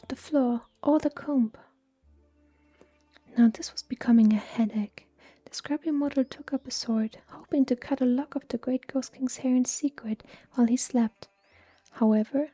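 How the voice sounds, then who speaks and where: Lady whispering a story asmr style, kinda high pitched, soft music behind. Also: slightly rough. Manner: slow, hushed and even. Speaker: reader.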